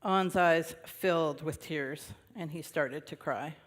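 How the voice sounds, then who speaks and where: A male minister reads a children's story aloud in a gentle, easy storytelling manner. His voice sits a little high and rings through a large worship hall with a long reverb. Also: slow. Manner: gentle storytelling with light, laughing asides.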